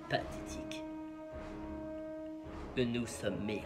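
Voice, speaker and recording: Menacing mob boss, put on by a man: low, very slow, scornful. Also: over music. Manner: slow, low, contemptuous delivery.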